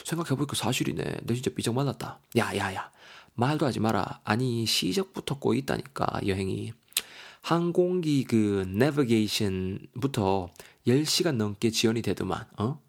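A man's voice: mid-range voice, animated, moderate pace, vocal fry, breathy edge. A man doing a griping young guy with a Gyeongsang accent. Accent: Gyeongsang Korean. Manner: complaining, one-sided rambling. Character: young man ranting about a bad trip.

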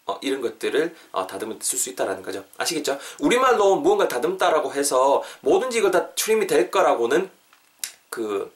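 A man hosting a podcast language lesson, chatty, explaining step by step and repeating phrases slowly for practice. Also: medium pitch, a bit bright. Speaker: host and English teacher.

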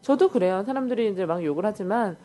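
A woman's voice: mid-range voice, animated, fast talker, warm tone, soft background music. Chatty woman co-hosting a talk show. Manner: chatty, joking, quotes others in asides. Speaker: co-host. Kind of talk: casual podcast chat.

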